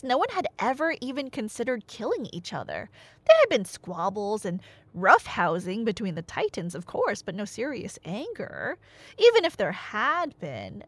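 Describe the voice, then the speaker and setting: A fairly high-pitched woman, recorded with no room sound, performs an audio roleplay as a nerdy girlfriend. She eagerly and chattily retells Greek myths in a casual way, with playful remarks to a listener who stays silent.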